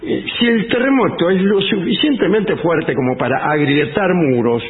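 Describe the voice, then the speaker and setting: A man's voice: high voice, normal speed. A man with an Argentine accent hosting a comic radio show, reading safety advice in a mock-solemn, ironic way. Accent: Argentine Spanish. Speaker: radio host. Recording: phone-like radio broadcast.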